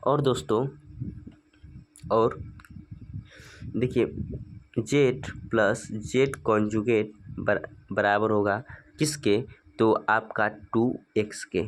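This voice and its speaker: A man teaching a maths lesson, slowly working through a problem step by step and asking himself rhetorical questions. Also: lowish voice, fairly even intonation, a little hiss or hum. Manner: asks rhetorical questions and answers them; slow, stepwise working-through.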